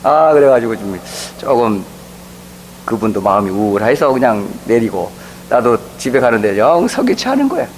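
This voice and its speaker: A man's voice: medium pitch, sing-song, moderate pace, slight background noise, low-quality recording. A middle-aged male pastor preaching a sermon, telling a story and acting out the voices of the people in it. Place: church sanctuary.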